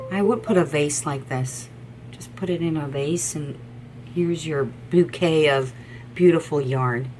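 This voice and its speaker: Chatty, enthusiastic woman, slightly low voice. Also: a little hiss or hum. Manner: chatty and enthusiastic, with frequent ums and repeated words. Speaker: knitting podcast host. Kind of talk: casual chat to camera.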